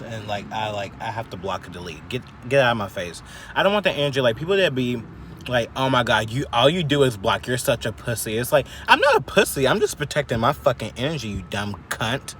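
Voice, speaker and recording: A fairly low-voiced young man talks into his phone from a parked car, rambling casually and swearing often. Faint street noise drifts in from outside. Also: fairly bright tone. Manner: profane, filler-heavy, quick to anger. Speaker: vlogger. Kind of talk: casual vlog rant.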